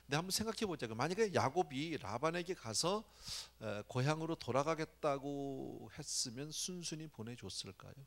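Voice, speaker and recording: A man's voice: on the high side, lively intonation, moderate pace, creaky, few pauses. A male pastor giving a conversational sermon at a church prayer meeting, often dropping "yes" between phrases.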